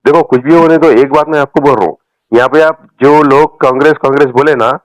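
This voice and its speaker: On a recorded phone call, a man from Telangana, India, talks politics fast in a voice on the high side, with no room sound. His Hyderabadi accent comes through as he rants like the party supporter he is, casual in tone, emphatic, and prone to saying the same phrases over and over.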